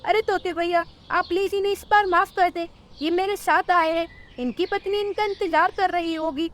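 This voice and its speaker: Little honest sparrow voiced by a woman, polite, pleading, very high voice, cartoon. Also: fairly even intonation, normal speed. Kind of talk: cartoon storytelling.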